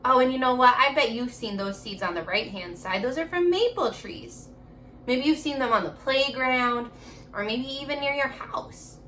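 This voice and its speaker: Speaking at a moderate pace yet taking her time, an elementary school teacher runs a remote reading lesson for young kids in a high, highly animated voice. Slow read-aloud alternates with chatty prompts and encouraging questions, delivered as though every pupil were right there. There is a little noise in the background.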